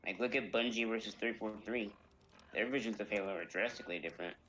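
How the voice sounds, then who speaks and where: A man with a fairly low voice chats about games, countering his friend's points calmly and in complete sentences. His voice comes through with steady noise and some clicking behind it. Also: quick pace. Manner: calm, argues back in full sentences. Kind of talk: casual gaming chat. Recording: noisy line with clicks.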